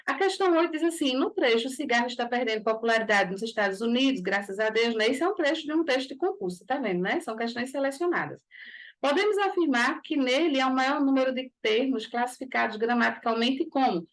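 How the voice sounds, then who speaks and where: A woman's voice: sits high, lively intonation, fast. A woman with a Brazilian Portuguese accent teaching a grammar lesson for exam preparation, explaining step by step and checking in with frequent tag questions.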